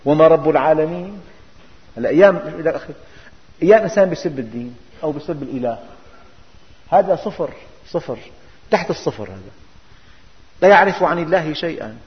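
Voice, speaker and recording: A man's voice: a little high, animated, quick pace, pauses often. A man giving a religious lesson, emphatic and full of rhetorical questions. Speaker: preacher. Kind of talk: religious lesson explaining scripture. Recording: dull recording, long hall reverb.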